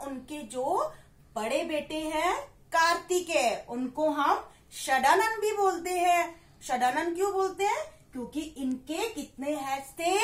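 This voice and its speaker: A woman teaching a class for young children, slowly repeating words and asking questions she then answers herself, mixing English and Hindi. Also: high-pitched, reverberant. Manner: slow and drawn-out, repeats words for kids.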